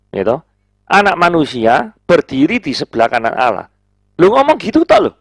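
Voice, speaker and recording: A middle-aged man giving a sermon, talking in an animated, conversational way and putting rhetorical questions to his listeners. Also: medium pitch, vocal fry, no room sound. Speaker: preacher.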